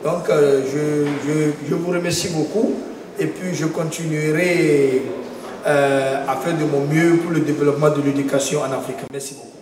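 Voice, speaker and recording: A man giving an emphatic forum speech, repeating himself and pausing on fillers. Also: a little high, steady tone. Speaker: conference speaker. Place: large conference hall. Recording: echoey hall, distant mic, faint noise.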